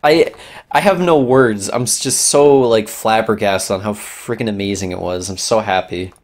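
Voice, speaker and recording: A man co-hosting a casual podcast, excitable and swearing, often trailing off mid-sentence. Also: on the low side, moderate pace. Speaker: podcast co-host. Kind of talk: casual chat.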